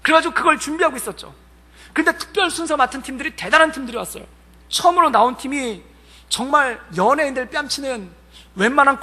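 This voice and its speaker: A male pastor preaching in a church, his voice very high and strikingly bright, with a husky, breathy edge. He tells his story animatedly, acting out the crowd's chants. The sanctuary gives his words a long, echoing reverb. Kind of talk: sermon with a personal story.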